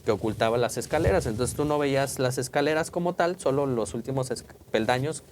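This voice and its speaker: A man's voice: mid-range voice, brisk, a little hiss or hum. A man telling a ghost story in casual chat, acting out voices and sounds. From Mexico. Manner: colloquial, vivid, acts out quotes and sounds. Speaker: podcast host.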